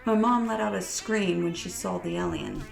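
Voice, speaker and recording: A woman's voice: mid-range voice, sing-song, moderate pace, creaky, reverberant, soft background music. A woman narrating a scary holiday story in a dramatic, earnest reading. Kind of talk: scripted horror story narration.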